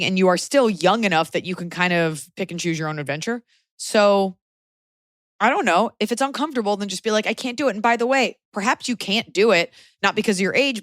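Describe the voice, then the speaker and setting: A woman's voice: medium pitch, a bit bright, no echo, clean studio sound. A woman in her forties hosting a podcast, giving frank, emphatic advice in a casual chat. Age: 40s.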